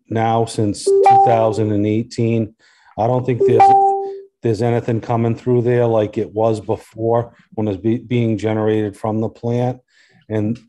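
A man's voice: mid-range voice, warm tone. A man speaking as a local resident at a public hearing, earnest and insistent, often repeating his points.

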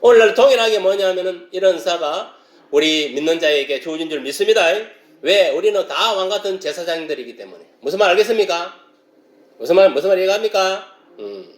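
High-voiced preacher with sudden shouts. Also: male voice, lively intonation, brisk, reverberant. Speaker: pastor. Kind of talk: sermon.

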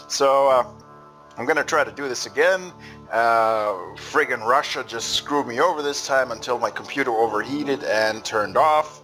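Bright-voiced young man, profane game commentary. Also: mid-range voice, unhurried, soft background music. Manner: profane, rambling, self-deprecating. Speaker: gaming video host.

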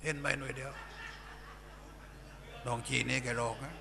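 A man's voice: mid-range voice, fairly even intonation, normal speed, creaky, pushed and bright, pitched below the performer's own voice. A man voicing a bawdy male village clown in a Southern Thai accent, telling coarse jokes in a live shadow puppet show. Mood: bawdy joking. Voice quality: coarse, rowdy, bantering.

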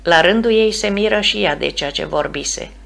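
A woman narrating an audiobook in a steady, measured reading voice. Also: medium pitch, gravelly. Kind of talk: scripted narration.

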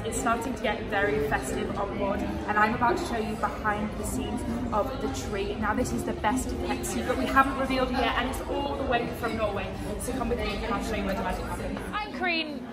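A young woman from Yorkshire with a Northern English accent, presenting as an upbeat, cheery and enthusiastic cruise director. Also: a little high. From Yorkshire, England. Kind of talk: presenting to camera and audience. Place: large cruise ship atrium, theatre stage, open port. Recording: echoey, distant mic, loud music and crowd.

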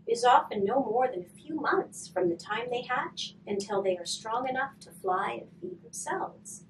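This clip has a hospice volunteer in her thirties giving children a gentle storybook reading and activity demo, her slightly high voice caught somewhat off-mic. She stays soft and slow, often trailing off into a whisper. The setting is a curtained indoor room, and the distant camera mic adds faint room noise.

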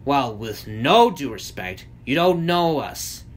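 A man voicing a tough, bossy young female Smurf warrior who speaks gruffly and bluntly. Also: mid-range voice, very animated, slow pace.

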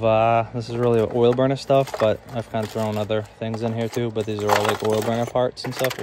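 A man's voice: medium pitch, heavy background noise. A self-employed HVAC technician giving a casual, rambling tour of the gear in his work van, listing items with many fillers.

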